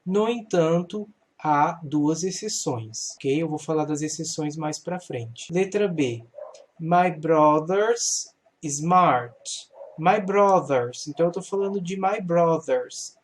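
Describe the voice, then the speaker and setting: A man with a fairly high voice walks students through an English grammar lesson. He talks slowly and patiently. He poses a question, then answers it himself. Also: a little mellow. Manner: patient, explains slowly, asks and answers his own questions. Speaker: English teacher.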